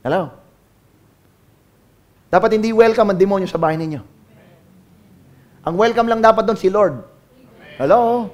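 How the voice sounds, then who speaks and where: A man from the Philippines preaching a sermon as pastor, mixing English into his talk and calling on the congregation to answer. He swings between loud calls and low, quiet asides.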